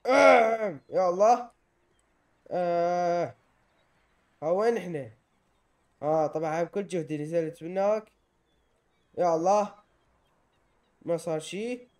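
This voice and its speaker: A young man with an Iraqi Arabic accent gives excitable let's-play commentary and often yells in panic while playing. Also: on the high side, normal speed, pauses often. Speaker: gamer.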